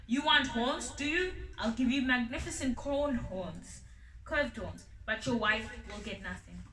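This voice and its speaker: A woman voicing a short-tempered male lion king in a storybook reading, with loud, stern pronouncements. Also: fairly high pitch, measured pace. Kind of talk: storybook read-aloud. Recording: roomy sound from a distant mic.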